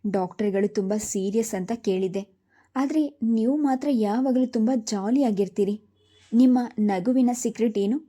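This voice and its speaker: Woman narrator voicing a theatrical young man, teasing, exaggerating, dark mellow tone. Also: a little high, normal speed, natural voice. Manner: dramatic, exaggerating.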